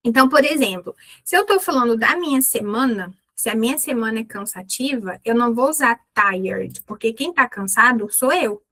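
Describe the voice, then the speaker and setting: A Brazilian woman teaching an English lesson, explaining in a clear instructive way and repeating English words slowly for practice. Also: on the high side, expressive, fairly bright tone. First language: Portuguese.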